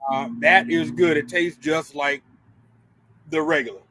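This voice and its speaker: A man co-hosting a loose live chat show, talking in a relaxed, rambling, joking way. His voice sits a touch higher than most men's. He drifts between topics easily. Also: measured pace, no echo. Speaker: podcast co-host. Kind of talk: casual chat.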